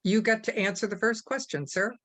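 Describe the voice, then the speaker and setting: A woman moderating a candidate forum, laying out rules and introducing speakers in a measured way. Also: medium pitch, fairly bright tone, slight background noise. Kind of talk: formal moderating.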